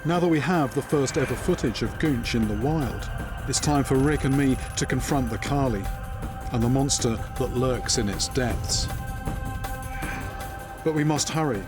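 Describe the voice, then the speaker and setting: Male nature documentary narrator, measured dramatic delivery, scripted storytelling, music behind. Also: medium pitch.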